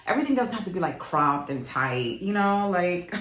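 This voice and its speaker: Recorded in an echoey room, this young woman, Jamaican-born and New York-raised, vlogs about fashion in a relaxed way, with plenty of laughter and fillers. She speaks at normal speed in a lowish, sing-song voice with a fairly bright tone.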